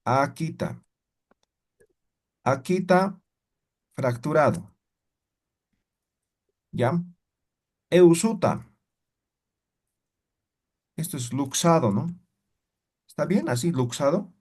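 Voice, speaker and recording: Slow, patient male teacher with a lively voice. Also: a little high, husky. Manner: patient, checks in with frequent tag questions; repeats each example word slowly. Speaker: language teacher. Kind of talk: live class explanation.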